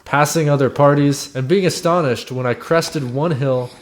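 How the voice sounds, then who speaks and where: A man's voice: fairly high pitch, normal speed, a little hiss or hum. A man reading a scripted first-person voice-over about his own expedition in a reflective storytelling way. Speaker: climber narrating own expedition.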